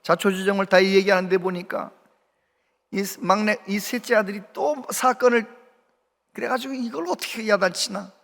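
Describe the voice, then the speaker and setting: A man's voice: high-pitched, moderate pace, vocal fry, fairly bright tone. A middle-aged man preaching a sermon as pastor, telling a story and acting out the voices of the people in it. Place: church sanctuary. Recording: long hall reverb from the church. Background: hall reverb.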